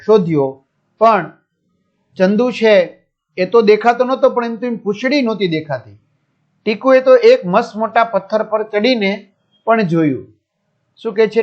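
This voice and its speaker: A man's voice: sits high, darkish tone, lo-fi sound. A man teacher reading a children's story aloud, repeating each line and asking his pupils questions about it. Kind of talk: reading and explaining a school lesson.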